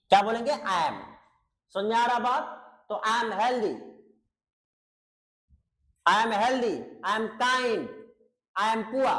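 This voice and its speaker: A man with a high-pitched voice teaches grammar online, explaining everything in Hindi with pronunciation. He drills each point by repeating it, then asks his students to answer back. He calls them beta in a patient, teacherly way. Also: fairly bright tone, poor audio. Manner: explains in Hindi, repeating key words and asking students questions; addresses students fondly as beta. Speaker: English teacher. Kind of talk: online English grammar lesson.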